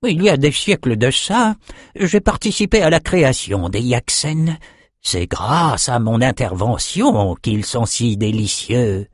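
A man's voice: mid-range voice, sing-song, measured pace, a little mellow, no echo, clean studio sound, voice pushed up. A man reading an audiobook, voicing a proud, centuries-old male sorcerer who shapes creatures. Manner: proud, eager, self-satisfied.

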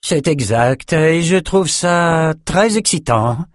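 A man's voice: medium pitch, lively intonation, normal speed, no room sound, close to an everyday voice. A man narrating a story voices a dry, ironic ship captain. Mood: wry. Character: wry male ship captain.

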